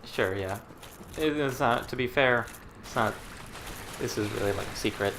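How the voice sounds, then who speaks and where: A man's voice: medium pitch, moderate pace, noisy background. A young man co-hosting a gameplay video, laid-back and wry, laughing often at his friend. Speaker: let's play co-host. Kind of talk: casual gaming banter.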